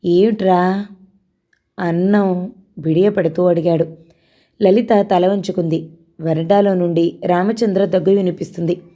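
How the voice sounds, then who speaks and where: Woman narrator for an audio novel, mellow and warm, steady storytelling pace. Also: on the low side, moderate pace.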